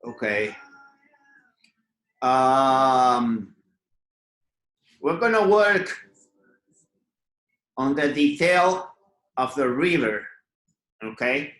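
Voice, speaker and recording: A man teaching an online drawing class, talking slowly and patiently and often checking in with "okay?". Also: a little high, pushed and bright, reverberant, rough recording. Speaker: art teacher.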